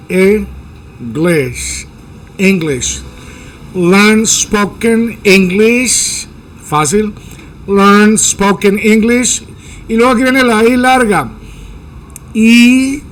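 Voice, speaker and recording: A man from Guatemala gives a relaxed pronunciation lesson, stretching each sound slowly and cracking jokes between examples. His voice sits high for a man. A faint hum of background noise runs under the recording. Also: low-quality recording. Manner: slow, drawn-out demonstration of sounds, playful jokes. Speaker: English pronunciation teacher. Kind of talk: casual spoken lesson.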